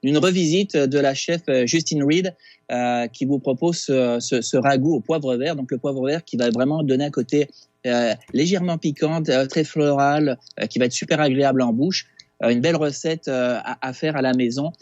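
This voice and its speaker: A man with a Québécois accent, a chef talking through a recipe on a casual radio segment, halting with many fillers and restarts over a phone line. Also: mid-range voice, a little mellow, no room sound. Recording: dull lo-fi phone sound.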